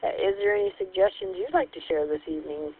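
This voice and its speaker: Gravelly woman running a radio net over two-way radio. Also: fairly low pitch, wildly swooping pitch, fast, a little hiss or hum. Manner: friendly, methodical radio procedure. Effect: heard over a two-way radio. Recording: tinny radio-band sound.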